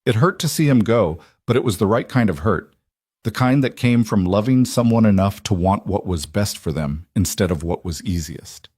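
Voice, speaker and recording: A man reading a western audiobook in a measured scripted narration. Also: fairly low pitch, lively intonation, a little mellow, slightly rough, dry recording, clean studio sound.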